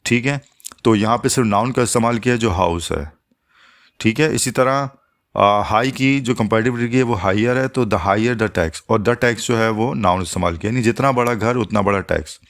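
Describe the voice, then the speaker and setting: A man teaching an English grammar lesson, explaining patiently step by step and slowing down to spell out each English example. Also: lowish voice, a bit bright.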